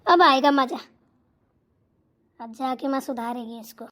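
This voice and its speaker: A rude, lazy sister-in-law snaps and complains in a very high, piercing voice, voiced by a woman. She mocks and grumbles about the household's daughter-in-law. This is a cartoon family quarrel. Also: unhurried, a bit bright. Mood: complaining. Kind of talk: cartoon voice acting.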